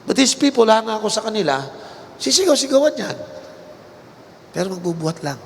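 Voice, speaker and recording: A man with a Filipino accent preaches with emphatic force, his gravelly voice sitting a little high for a man. The sermon rings out through a large hall with a long echo, with a faint hiss underneath. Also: sing-song, brisk. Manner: emphatic preaching, mixing English into his talk. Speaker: bishop and pastor.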